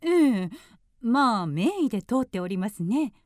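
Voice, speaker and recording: An actress playing a courteous, gently informative woman in a radio drama, with a polite, genteel manner. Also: medium pitch, expressive, measured pace, no echo, studio quality, lightly acted.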